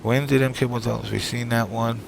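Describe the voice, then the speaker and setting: A man's voice: mid-range voice, flat delivery, a little fast, creaky, rough recording. A man hosting a live online talk show in an informal, rambling way. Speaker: show host.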